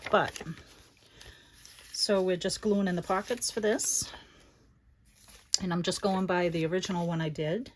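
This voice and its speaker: A woman's voice: on the low side, fairly even intonation, measured pace, pauses often. A woman with a Boston accent chatting casually to viewers and to herself as she hosts a crafting livestream. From Massachusetts, United States. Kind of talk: casual chat while crafting. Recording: noticeable background noise, clicks and rubbing.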